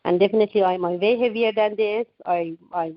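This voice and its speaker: An Iranian woman in her forties, a guest author, answers radio interview questions earnestly over a phone line, restarting often and using many fillers. Her mid-range voice is brisk with no room sound, and the audio is dull and lo-fi.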